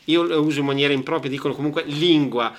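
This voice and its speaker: A man's voice: a little high, fast talker. A man hosting a radio interview, polite and ready to agree with his guest. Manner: polite, agreeing often with "certo". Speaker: radio host.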